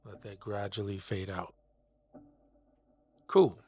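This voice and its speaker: A man's voice: lowish voice, fairly even intonation, takes it slowly, warm tone, a little hiss or hum. A man hosting a live stream, chatting casually while he demonstrates a mix. He is easygoing, stumbles over names and repeats them as he works them out.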